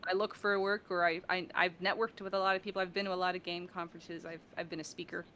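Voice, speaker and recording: As an interview guest, this woman, who works as a voice actor and audio director, discusses her work in a loose, playful, rambling way full of made-up silly words. She talks fast in a lowish voice with flat delivery and a sharp tone.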